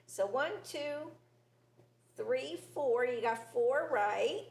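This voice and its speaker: Older woman hosting, slow giggly quizmaster. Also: high voice, expressive, creaky, a little mellow. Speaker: talk show host. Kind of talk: casual trivia quiz chat. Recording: roomy studio with faint hiss.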